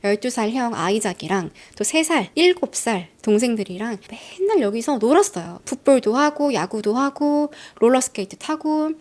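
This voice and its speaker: A woman telling a true-crime story in a lively, chatty way, speaking straight to her listeners. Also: sits high.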